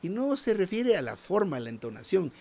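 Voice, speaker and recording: A man's voice: high voice, sing-song, fairly quick, darkish tone, a little hiss or hum. A man preaching a sermon in a conversational tone, often asking the congregation "¿verdad?" and repeating small words as he searches for the next phrase.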